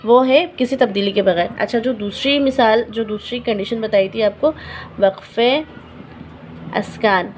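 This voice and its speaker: Woman, patient recitation teacher, fairly high voice, drills example words slowly, light background noise. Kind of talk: online lesson explaining recitation rules.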